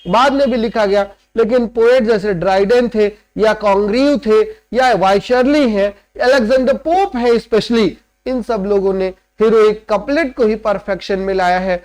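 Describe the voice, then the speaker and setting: Guy teaching lit with a really high voice, walks through it step by step and keeps asking "right?" to check everyone's with him. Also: moderate pace, hardly any pauses, darkish tone. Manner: explains step by step, often checks understanding with "right?"; mixes English terms into explanations. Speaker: literature teacher. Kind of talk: classroom lecture.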